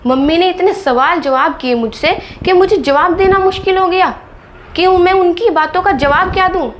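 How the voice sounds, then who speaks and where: Brief: a woman as a high-voiced young daughter-in-law, sharp and indignant, family skit. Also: slight background noise. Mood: hushed scolding. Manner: indignant scolding, rapid rebukes. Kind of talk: Hindi family drama skit.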